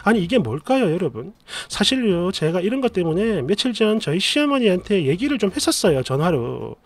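A man narrating a reader's post as a story, in an expressive, exasperated retelling. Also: sits high, fairly quick, no room sound. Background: faint background music.

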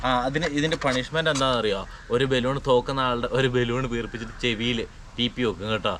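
A man's voice: medium pitch, fairly bright tone, slight background noise. A man hosting a family vlog. He explains the rules of a game and teases the other player in a playful, casual way. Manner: playful, teasing, quick rule-explaining. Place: outdoors in the sun.

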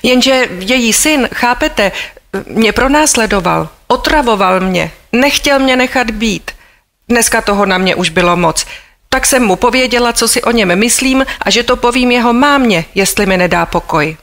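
A woman's voice: fairly high pitch, expressive, a bit bright. A woman audiobook reader voicing a desperate young working-class housemaid who speaks bluntly and colloquially, with bitterness. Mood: bitter. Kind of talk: audiobook character voice.

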